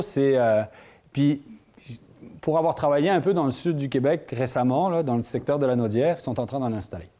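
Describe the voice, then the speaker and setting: A man from France with a French accent, giving a conference lecture to a live audience. His voice is warm and mellow, at an ordinary middle pitch. He keeps the room engaged, throwing out questions and rising lively on the answers. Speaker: conference speaker.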